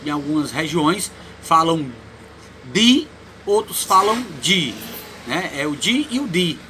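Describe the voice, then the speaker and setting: A man with a Cearense Brazilian accent teaching a Portuguese lesson, explaining slowly and checking in with "né?" after nearly every phrase. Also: on the high side, expressive, pushed and bright, slight background noise. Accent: Ceará, Brazil. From Ceará, Brazil. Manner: explains slowly, tags lines with "né?", repeats words. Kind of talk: recorded online lesson.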